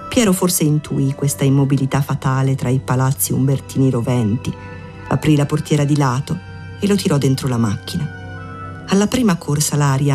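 A woman narrating a literary audiobook in a measured, even storytelling manner. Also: extremely low pitch.

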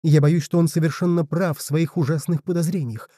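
A man voicing Hortensia, an anxious, excitable woman of a small folk who frets in breathless exclamations. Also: on the high side, fairly quick, no room sound, studio quality, pitched above the performer's own voice, close to an everyday voice.

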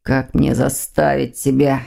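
A woman's voice: very deep voice, completely flat delivery, unhurried, gravelly, warm tone, pitched below the performer's own voice, exaggerated voice. A woman reading an audiobook, voicing a proud, bitter young male demon who snaps back at his father. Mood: sullen. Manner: sullen, snapping retorts.

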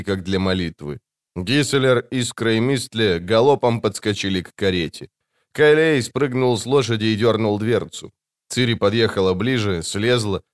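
A man narrating an audiobook in an expressive, theatrical reading style. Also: mid-range voice. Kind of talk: scripted narration.

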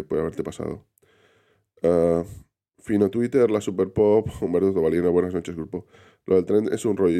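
Deep-voiced man chatting on a live stream. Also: creaky, warm tone. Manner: rambling, reads viewer names aloud, many restarts. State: unwell, recovering from illness. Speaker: livestream host reading chat. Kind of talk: casual live stream chat.

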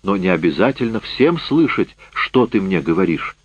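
A man doing a tense, defensive official who fights to keep his composure under attack. His voice stays fairly low and controlled. The recording is dry and slightly muffled. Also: moderate pace, breathy edge, no room sound, heavily acted. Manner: strained, trying to stay calm.

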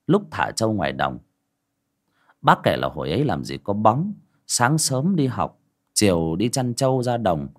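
A man tells a village ghost story with a low voice that swings widely in pitch. His delivery is dramatic and expressive throughout.

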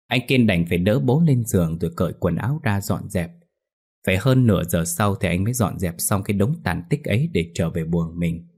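A man's voice: fairly low pitch, a little mellow, breathy edge. A man narrating a ghost story in a dramatic reading voice. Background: faint music.

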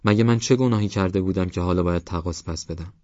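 A man's voice: sits low, darkish tone, dry recording, lo-fi sound, lightly acted. A man voicing a desperate village mother who wails and pleads in a raised voice. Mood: lamenting.

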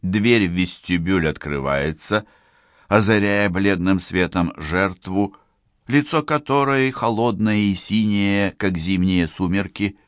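A man reading a crime thriller as an audiobook narrator, measured and expressive. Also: sits low, no echo, studio quality. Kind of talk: scripted narration.

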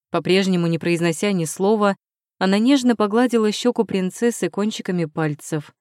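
A woman narrating an audiobook in an even storytelling manner. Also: medium pitch, dry recording, studio quality. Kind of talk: scripted narration.

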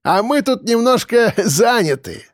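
A crude convict who jeers and sneers, as a male narrator puts him on. The voice sits higher than a plain speaking voice and stays close and dry in the storybook reading. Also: normal speed, darkish tone, no echo, lightly acted. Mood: jeering. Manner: jeering, laughing.

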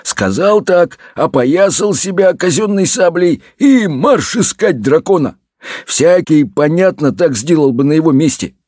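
Animated husky male storyteller. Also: on the high side, measured pace, no room sound, clean studio sound. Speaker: audiobook reader. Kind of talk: expressive fairy-tale reading.

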